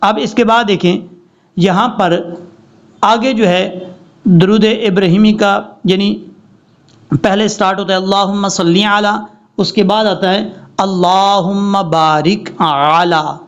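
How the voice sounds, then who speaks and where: A man teaching prayer pronunciation, slowly drawing out recited Arabic words between explanations. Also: high-pitched, fairly even intonation. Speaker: tajweed teacher. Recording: dull lo-fi recording.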